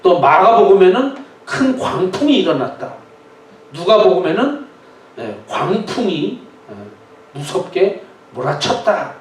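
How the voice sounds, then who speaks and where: A male pastor delivers a lively sermon, dramatizing the story as he goes. His voice is fairly high for a man and comes from a distance, ringing through an echoey church sanctuary.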